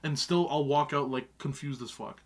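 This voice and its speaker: A man's voice: a little high, fairly even intonation, normal speed. A young adult man co-hosting a casual podcast, sarcastic and swearing freely. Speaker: co-host.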